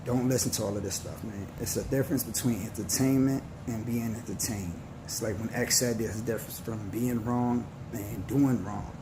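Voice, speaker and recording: A man's voice: lowish voice, fairly even intonation, noisy background. A man in his forties giving an earnest, slangy motivational talk to his viewers. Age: 40s. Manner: earnest, preachy, slangy and slow. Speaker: vlogger.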